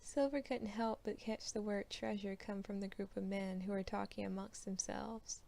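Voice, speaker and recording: A woman's voice: medium pitch, fairly even intonation, normal speed, gravelly, darkish tone. A young woman reading fanfiction aloud in a casual, chatty manner. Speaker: fanfiction reader.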